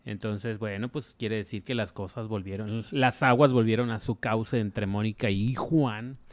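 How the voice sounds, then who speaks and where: A man with a Mexican accent co-hosting an entertainment show, joking around, asking quick questions and reading out viewer comments. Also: fairly low pitch, fairly even intonation. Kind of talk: casual gossip chat.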